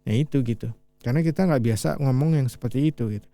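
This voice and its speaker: A male teacher from Indonesia giving a casual language lesson, repeating lines slowly and then explaining them in relaxed, chatty speech. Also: mid-range voice, no echo, faint music behind. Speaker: English teacher.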